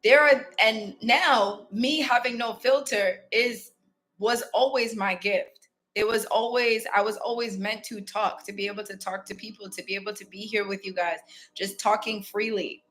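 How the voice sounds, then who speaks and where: A woman from Ghana hosts a casual motivational self-help talk as a spiritual self-help host, speaking candidly and reflectively straight to her viewers. Her mid-range voice is steady and fairly bright, at a moderate pace.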